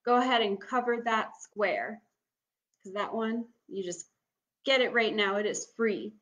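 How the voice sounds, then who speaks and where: A young woman works as a bingo caller for an online game, speaking in a medium-pitched voice. She gives casual, step-by-step instructions and announces each item, then repeats it. She is recorded indoors at home on a computer microphone. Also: measured pace, a bit bright, muffled recording. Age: young adult. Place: small room at home, indoors.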